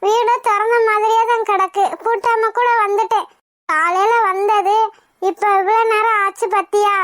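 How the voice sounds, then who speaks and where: A kind old village grandmother from a cartoon, fussing and brushing off thanks. Her voice sits extremely high and thin, and the sound is close and dry. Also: steady tone, moderate pace, fairly bright tone, no room sound. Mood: hurried.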